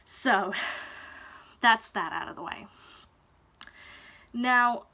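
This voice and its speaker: Slow, reflective young woman vlogger. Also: on the high side, bright, forceful tone. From Denmark. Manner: hesitant and reflective, pausing often to find words. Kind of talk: personal confessional vlog talk.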